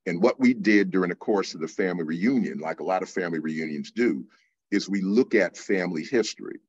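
An older man from California, a teacher answering interview questions in a measured, explanatory way with frequent fillers. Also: low-pitched, slightly rough, highs cut off. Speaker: guest teacher.

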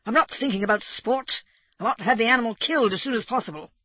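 A woman reading aloud, voicing an indignant country gentleman in agitated, huffy outbursts. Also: a little high, fast, breathy edge, no room sound, pitched above the performer's own voice. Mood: fuming.

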